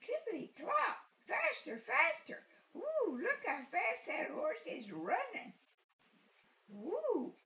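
Reading to her great-grandchild on the living room sofa, a woman in her eighties uses a very high, pushed, bright voice whose pitch swoops wildly as she goes slowly. She plays with repeated words and tosses in asides. The sound is roomy and noisy, taken by a handheld camera a short distance away.

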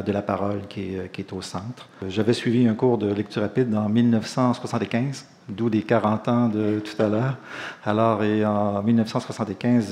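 A man with a Quebec French accent giving a relaxed, explanatory public lecture and mixing in personal anecdotes. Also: fairly low pitch.

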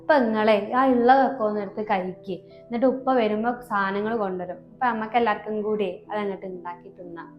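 A woman's voice: mid-range voice, fairly even intonation, quick pace, echoey room, muffled recording, soft background music, close to an everyday voice. A woman playing Jessy, a patient daughter-in-law. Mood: pleading. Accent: Malabar Malayalam. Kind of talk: comedy skit acting.

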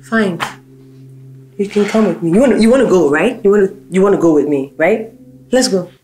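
A woman's voice: mid-range voice, lively intonation, fairly quick, darkish tone, lightly acted. An actress playing a confused young wife, restless and questioning as she recovers from an accident. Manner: restless, questioning, with a wide-ranging voice.

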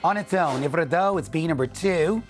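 Calling numbers on a TV game show, a bingo caller in his forties uses a rhythmic, repetitive presenter's delivery. His voice is on the high side and brisk; he wears a lapel mic in an indoor studio, with music playing.

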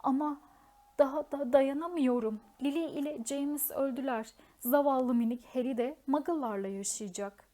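A woman voicing a huge, gentle male giant who speaks earnestly and grows loud and tearful, in a storybook reading. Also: on the high side, normal speed, close to an everyday voice.

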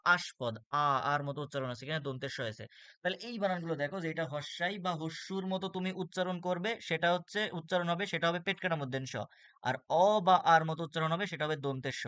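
A man's voice: fairly high pitch, a bit bright, smooth, no room sound. A man with a Bangladeshi Bengali accent teaching a spelling lesson for exam students, explaining step by step and repeating words with frequent "ah" fillers.

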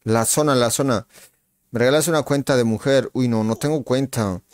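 A man hosts a live game stream, his voice sitting at an ordinary middle pitch. He talks in relaxed, slangy banter, greeting viewers one by one and reacting aloud to the fight on screen. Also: moderate pace, dry recording, clean studio sound. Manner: greets viewers by name while reacting to the match. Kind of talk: casual live-stream gaming chatter.

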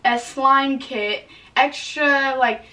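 A young woman with a high, bright voice, casually chatting and reading her childhood writings aloud. Her delivery is informal and playful. She sounds a little way from the mic in a room, with music behind her. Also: extremely slow, distant mic. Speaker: vlogger. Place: small bedroom, indoors, sitting on a bed. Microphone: camera a few feet away.

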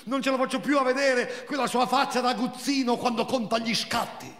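A male performer voicing a furious young wife who yells shrill accusations, on a live theatre stage. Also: brisk, echoey room, long reverb tail. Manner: shrill outbursts, yelling accusations.

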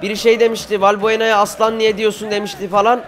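A teenage boy from Turkey giving excited football game commentary, cheering on his players and shouting at missed chances. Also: high voice, fast, a faint crowd, a little hiss or hum. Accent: Turkish. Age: teens. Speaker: gaming YouTuber.

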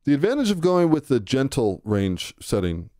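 A man giving a relaxed, conversational music production tutorial, thinking aloud as he works. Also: mid-range voice, normal speed, no room sound, studio quality. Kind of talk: screen-recorded software tutorial. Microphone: close to a studio microphone.

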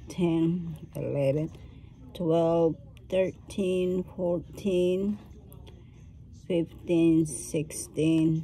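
Woman host of a craft tutorial, low mellow voice, very slow unhurried delivery, faint noise behind. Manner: slow, thinking aloud while working with her hands.

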